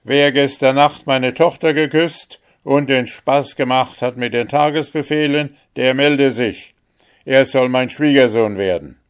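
A man voicing an old emperor in a fairy tale, loud and proclaiming. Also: mid-range voice, slow, pitched above the performer's own voice. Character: old emperor, commanding and jovial.

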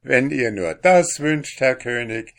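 A man's voice: medium pitch, lively intonation, slow, creaky, a bit bright, pitched above the performer's own voice, full character voice. A man reading a fairy tale aloud, voicing a cheerful, polite young man. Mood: contented.

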